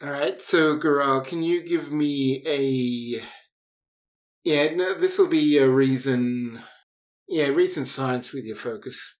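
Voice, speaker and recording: A man narrating a tabletop game as game master, halting and thinking aloud. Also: medium pitch.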